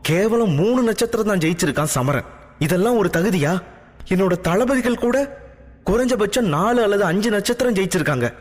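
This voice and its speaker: A man voicing a proud, quick-tempered young princess who talks high, fast and indignant. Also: animated, long reverb tail. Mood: scornful.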